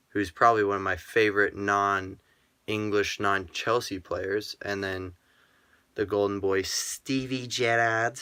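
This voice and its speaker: A man casually chatting through his sports card collection in a relaxed, rambling way, full of ums and uhs. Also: fairly low pitch, clear, resonant tone, no room sound. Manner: talks to himself aloud. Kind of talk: casual vlog chat.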